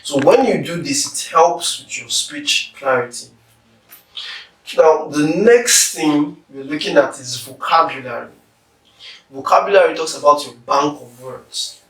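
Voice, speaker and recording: Slow deliberate man teaching diction. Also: on the high side, lively intonation, fairly bright tone. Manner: slow, deliberate, stresses syllables when demonstrating words. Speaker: public speaking coach. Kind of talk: instructional lecture. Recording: echoey room, somewhat far from the mic.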